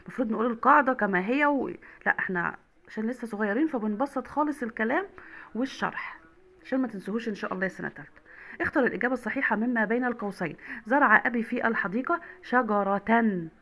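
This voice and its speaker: This young woman speaks with an Egyptian accent, leading primary schoolers through an online Arabic lesson and saying each word slowly and clearly. She sounds a little high, pushed and bright.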